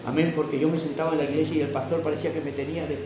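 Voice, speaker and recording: A man preaching a fervent sermon as pastor, rising to loud proclamation. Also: a little high, flat delivery, racing, background noise. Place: church hall. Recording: echoey church sound from a distant mic.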